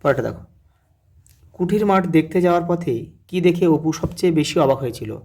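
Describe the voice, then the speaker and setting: A man's voice: a little high, expressive, fairly quick, darkish tone, husky. Man teacher going through exam answers. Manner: repeats "look" and "next one", spells words out syllable by syllable.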